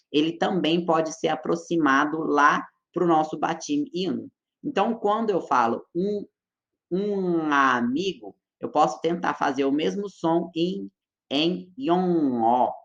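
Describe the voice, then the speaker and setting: A man's voice: a little high, a bit bright, dull audio. Brazilian man teaching Korean pronunciation. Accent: Brazilian Portuguese. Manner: patient, explanatory, repeats example words slowly. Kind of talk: pronunciation lesson.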